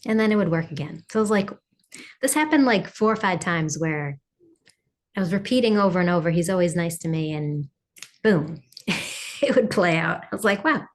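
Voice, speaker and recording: A woman's voice: on the low side, animated, normal speed, long pauses. Chatty woman telling a personal story. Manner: chatty, frequent "like", quotes own thoughts and affirmations. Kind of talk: casual confessional storytelling.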